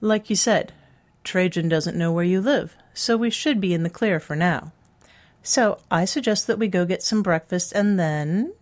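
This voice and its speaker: A woman's voice: on the low side, unhurried, darkish tone, close to an everyday voice. Woman as Callie, a sly, sincere succubus-blooded charmer. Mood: sly, flirtatious. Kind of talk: dramatized audiobook dialogue.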